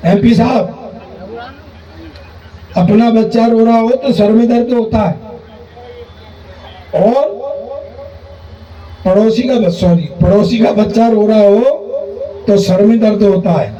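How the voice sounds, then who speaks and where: A man with a lilt and a high, mellow voice recites comic verse from a stage. He ribs the audience and acts out both sides of his jokes. The sound is dull and distant, with echo from the hall. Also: takes it slowly, long pauses. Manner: jokey, addresses the audience directly, acts out dialogue. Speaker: stage comedy poet. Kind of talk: live stage comedy recital. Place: stage before a live audience.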